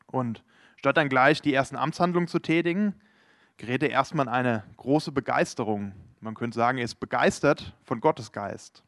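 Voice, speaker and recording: A man's voice: medium pitch, dry recording, studio quality. A man preaching a sermon, explaining scripture and earnestly addressing his listeners directly.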